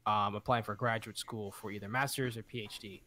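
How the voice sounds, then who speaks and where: A man talking earnestly in a casual podcast chat, often halting and restarting his sentences. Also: on the low side, steady tone, sharp tone, a little hiss or hum. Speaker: podcast co-host.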